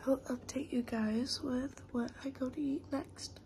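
Her voice sits high and steady as she whispers unhurriedly to the camera. She's a college student in her twenties with a cold, scratchy throat, and blocked nose, filming a casual vlog on a close-held phone in a small room at home.

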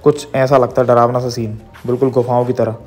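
Music plays faintly behind this young vlogger as he talks briskly to camera from a phone held at arm's length. His mid-range voice is flat and a little mellow, and he rambles casually to viewers in his daily vlog.

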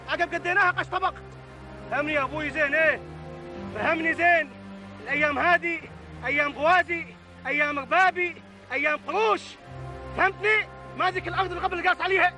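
Cocky young guy, high sharp voice, fast and mouthy, music under it. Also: exaggerated voice. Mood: defiant. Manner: boastful, insolent. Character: defiant young man Hamoud, arrogant toward his family. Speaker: actor. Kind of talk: TV drama acting. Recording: drama audio with music underneath.

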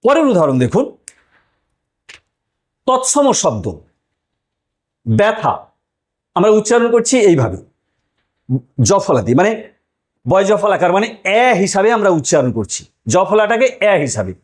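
A man with a notably high voice explains a language lesson step by step. He repeats each example, asks rhetorical questions and answers them himself, in the careful way of a classroom teacher. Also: sing-song, unhurried, long pauses. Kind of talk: explanatory lecture.

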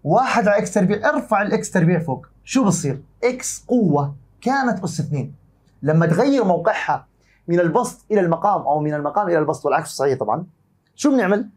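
A man with a Jordanian accent teaching an exam-prep math lesson, warmly calling his students dear and asking and answering his own questions. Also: sits high, animated, rapid-fire, slightly rough. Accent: Jordanian Arabic.

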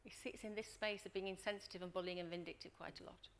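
Her voice sits fairly low and she speaks fast, with slight background noise in the recording. A middle-aged leadership coach, she gives a workshop talk full of acted-out anecdotes, telling lively stories and checking in with the room with "Okay?"

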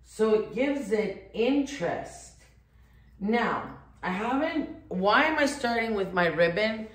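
A home decor vlogger gives an easygoing decorating demonstration in her furnished living room, chatting and thinking aloud as she goes. She has a medium-pitched, animated voice and speaks slowly.

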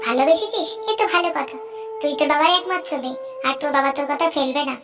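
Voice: high voice, fast talker, music in the background. A performer voicing a cautious, worried middle-aged mother in a cartoon, warning and sorrowful. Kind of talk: cartoon voice acting.

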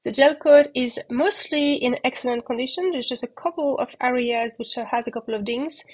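A woman's voice: high-pitched, a little fast, slightly rough. Chatty woman on a boat tour. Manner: relaxed, chatty, many fillers. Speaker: yacht broker giving a boat tour. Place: outdoors on a catamaran deck at anchor.

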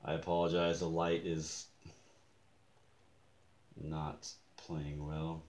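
Man, slow deliberate talk, roomy echo, casual show-and-tell. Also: very deep voice, little pitch movement, a little mellow. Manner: slow, deliberate, pointing things out, occasional frustrated mutters. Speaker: customer showing watch damage. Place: indoors at a desk in a room.

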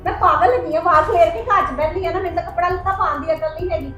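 A woman's voice: very high voice, fast talker, a bit bright, muffled recording. An actress playing a young wife who defends herself and argues back at her husband in a family drama skit. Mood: defiant. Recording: echoey room with faint music.

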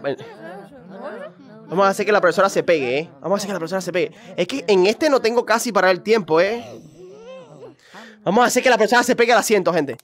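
A woman hosting a let's play, commenting with playful mischief, often turning to her viewers. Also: mid-range voice. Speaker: gaming channel host.

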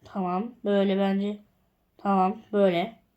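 A young woman casually chatting to viewers as she builds in a game, often counting blocks quietly under her breath. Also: mid-range voice, steady tone, a little slow, dull audio. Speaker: gaming video creator.

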